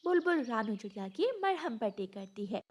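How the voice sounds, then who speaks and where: Expressive woman narrating a cartoon. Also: a little high, normal speed. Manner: expressive, melodramatic. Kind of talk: scripted storybook narration.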